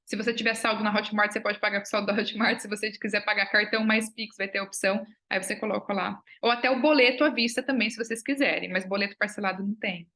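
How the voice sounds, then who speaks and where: A woman's voice: medium pitch, fairly even intonation, quick pace, few pauses, bright, forceful tone. A woman with a Brazilian Portuguese accent teaching a live online class, chatting upbeat and answering viewers' comments. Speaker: child psychology course instructor.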